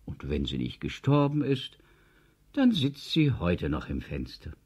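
A man from East Germany reading a children's story aloud, expressive and storytelling. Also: low-pitched, slightly rough. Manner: lively storytelling, slow and expressive. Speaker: narrator.

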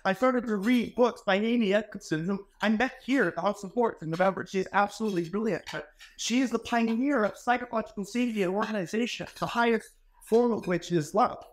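Speaking briskly in a high-pitched voice, a man in his forties delivers a motivational keynote from an ornate, wood-paneled hall. Holding a microphone, he tells stories in an emphatic, conversational style over slight background noise.

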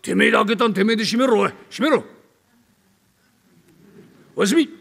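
Older man playing a rough tenant, downtown Tokyo accent, gruff, teasing, raised pitch, raspy, hall echo. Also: a little fast, fairly bright tone, exaggerated voice. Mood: brash, teasing. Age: 70s. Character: brash bullying rough male Edo tenant. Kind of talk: rakugo storytelling.

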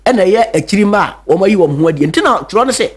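Ghanaian preacher guy, high voice, emphatic radio sermon, lots of uh uh. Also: expressive, fast talker, slightly rough. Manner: emphatic, repeats and stretches key words, hesitant fillers. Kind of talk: radio sermon mixing Twi and English.

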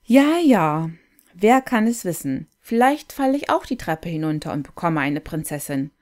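A woman voicing a naive, yearning young fir tree who muses to himself in a soft, half-whispered way. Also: fairly low pitch, very animated, moderate pace. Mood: hopeful.

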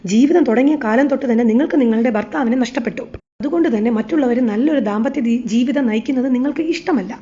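Woman recapping as sharp-tongued young wife, raised voice, mellow tone, dull audio. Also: fairly high pitch, fast, close to an everyday voice. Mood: indignant. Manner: indignant, accusing retorts. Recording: slightly dull lo-fi recording.

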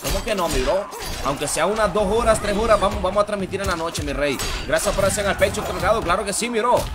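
Over game music, a man streams a fighting game, hyped and slangy, casually thanking viewers and calling out the action. He talks fast with a high-sitting voice and keeps repeating shout-outs in his live commentary.

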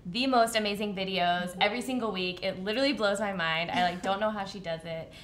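A woman's voice: medium pitch, fairly quick, a bit bright, slight background noise. A woman co-hosting a casual chat, speaking in an earnest, admiring way. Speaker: co-host.

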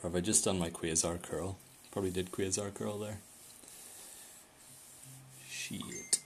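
A man's voice: low-pitched, steady tone, unhurried, a little hiss or hum. A man streaming a game live, chatting casually with friends and swearing at his bad shots.

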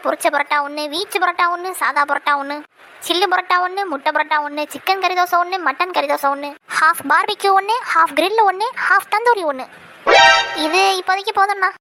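A woman's voice: very high-pitched, background noise. A woman voicing a cheeky, greedy young woman held captive in a cartoon, chirpy and wheedling as she rattles off long lists. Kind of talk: cartoon voice acting.

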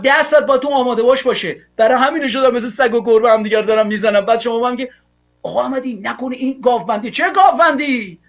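A man's voice: very high-pitched, fairly bright tone. A male television host giving fiery political commentary, ranting angrily and hurling insults at his opponents. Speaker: TV show host.

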